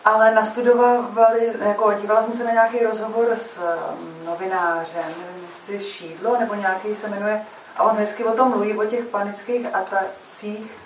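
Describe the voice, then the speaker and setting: A woman's voice: mid-range voice, fairly even intonation. A woman performer chatting casually, rambling with lots of fillers as she tells a story. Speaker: stage performer. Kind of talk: casual chat. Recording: echoey room, mic far off, faint noise.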